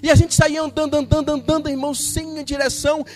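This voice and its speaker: A Brazilian pastor preaching a sermon, retelling a story with lively acted-out dialogue. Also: male voice, very high-pitched, fast talker, in a large hall, faint music behind. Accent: Brazilian Portuguese. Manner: animated storytelling, acting out dialogue.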